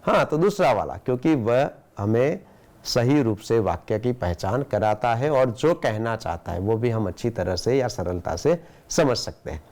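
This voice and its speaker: A man with an Indian accent teaching a school language lesson, explaining patiently and reading example sentences slowly and deliberately. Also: medium pitch, animated, darkish tone. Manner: explains patiently, with rhetorical questions. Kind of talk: classroom lesson for students.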